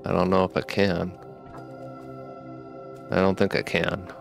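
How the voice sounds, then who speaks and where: A man's voice: low-pitched, completely flat delivery, unhurried, vocal fry. A young man doing casual let's play commentary, talking with retainers in his mouth and a little sick with a cough. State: getting over a sickness with a cough. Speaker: gaming streamer. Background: game music.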